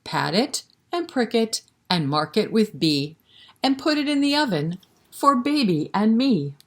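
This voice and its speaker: A storytime reader at a children's library recites nursery rhymes and speaks directly to young kids, keeping things encouraging and interactive. Her voice is a little high and sing-song, with a slightly slow delivery.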